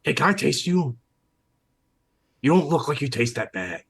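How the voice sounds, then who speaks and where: A man's voice: medium pitch, big pitch swings, normal speed, creaky, husky, pitched above the performer's own voice, heavily acted. A man voicing a blunt, greedy carnivorous seagull that keeps asking to taste people. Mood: crude, hungry. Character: hungry, rude carnivorous seagull.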